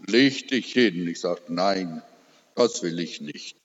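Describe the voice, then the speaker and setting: An older man preaching a personal sermon testimony, telling his story slowly and with emotion, rising to emphatic peaks. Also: sits low, animated. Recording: dull recording with long hall reverb.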